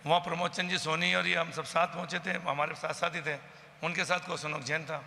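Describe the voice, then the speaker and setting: A man's voice: fairly high pitch, flat delivery, a little fast, creaky, sharp tone, big-room sound. A man giving an agitated eyewitness account to a news camera and acting out what others said. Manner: agitated storytelling, acting out the quoted exchanges. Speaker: eyewitness from the local community.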